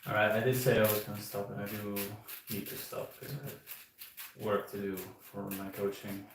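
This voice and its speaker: An eighteen-year-old man from the Netherlands, chatting casually and relaxed on a livestream, hedging with filler phrases. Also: lowish voice, normal speed. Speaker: streamer. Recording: echoey room, far from the mic, clicking noise.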